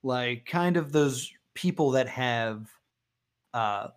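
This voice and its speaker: A man, a comedian and wrestler, talking casually in an interview and telling stories with lively quoted voices. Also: slow pace, smooth. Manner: animated storyteller, voices quotes with big pitch jumps. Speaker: guest comedian.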